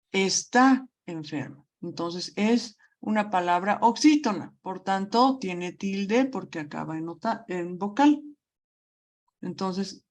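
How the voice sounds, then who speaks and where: A woman's voice: on the low side, a little mellow. A woman teaching a grammar lesson, explaining patiently and often checking that the class follows. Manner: slow, patient explaining with frequent check-ins.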